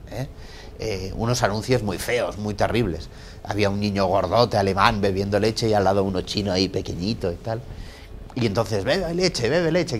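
Brief: male lecturer, small seminar room, engaging, constant check-ins with listeners, mid-pitched voice, loud and quiet phrases alternating. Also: a little hiss or hum. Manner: asks rhetorical questions, checks in with "¿de acuerdo?"; lively, shifts between loud and quiet phrases. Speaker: guest lecturer at a business talk. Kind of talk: business lecture to a small audience.

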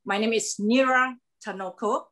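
A woman's voice: fairly high pitch, moderate pace, a bit bright. A woman, a guest on a video-call interview, speaking hesitantly with many fillers. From Singapore, born in Indonesia.

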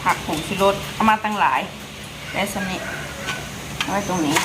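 A woman's voice: lowish voice, normal speed. A young woman with an Isan accent chatting casually to her viewers while cooking and eating. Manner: chatty, folksy, addresses viewers as family. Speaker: vlogger cooking and eating on camera. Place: at home, outdoor kitchen area. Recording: echoey home recording with loud background noise.

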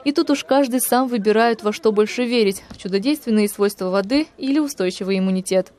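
A woman's voice: medium pitch, fairly quick, darkish tone, a little hiss or hum. A woman reporter delivering scripted narration for a television news report.

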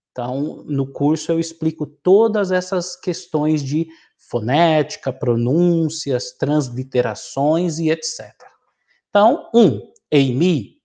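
A middle-aged man from Brazil teaching a vocabulary lesson, reading a word list slowly and explaining each entry. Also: fairly high pitch, a little mellow. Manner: slow, deliberate reading of word lists with explanations. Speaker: Greek teacher.

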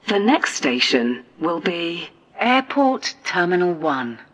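A woman giving an onboard train announcement, calling out each station in measured, evenly spaced phrases. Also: very animated. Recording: loud train rumble behind.

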